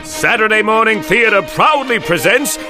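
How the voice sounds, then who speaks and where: A man's voice: high voice, lively intonation, moderate pace, over loud music. A man narrating like a bombastic old-time radio western announcer, theatrical and dramatic.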